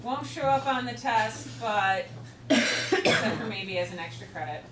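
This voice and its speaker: A high-voiced woman with a Chicago accent lectures a class in a chatty, joking way, full of ums. She sounds roomy and distant, recorded from across a classroom with clear background noise. Her pitch sits well above most women's. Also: animated, measured pace. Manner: chatty, joking, many fillers. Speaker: teacher.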